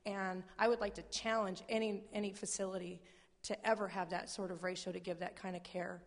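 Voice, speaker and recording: A woman with a croaky, froggy voice speaks up from the audience at a public talk. She is earnest and challenging as she makes her point off the cuff. The sound rings with the long reverb of a hall. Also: medium pitch, level tone, fairly quick. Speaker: audience member asking a question; healthcare worker. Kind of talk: spontaneous public comment.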